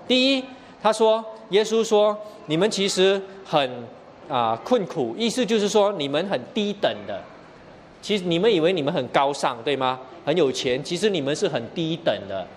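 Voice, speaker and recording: A man's voice: sits high, brisk, a little hiss or hum. A man preaching a sermon, explaining scripture verse by verse and often asking the listeners rhetorical questions. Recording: long hall reverb, faint ambience.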